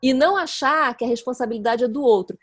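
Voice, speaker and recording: A woman, a guest expert who explains her ideas earnestly in relaxed conversation and often checks in with her listener. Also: high voice, quick pace. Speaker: guest expert in nonviolent communication.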